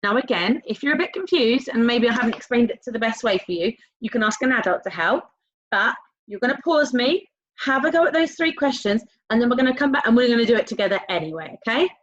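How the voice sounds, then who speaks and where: A woman teaching a recorded primary school maths lesson, talking directly to young pupils in an encouraging, sing-song way with drawn-out key words and prompting questions. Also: a little high, expressive. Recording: dull, lo-fi sound.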